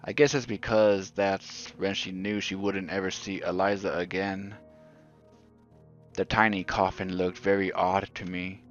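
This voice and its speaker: Slow, deep-voiced male horror narrator. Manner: slow, subdued, even storytelling. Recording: dull lo-fi audio, faint music.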